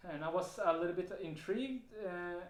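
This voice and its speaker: A high-pitched man with a Swedish accent speaks at a moderate pace, casually describing a personal experience to camera. He stumbles through fillers and restarts, laughing softly at times, and the space adds a roomy echo.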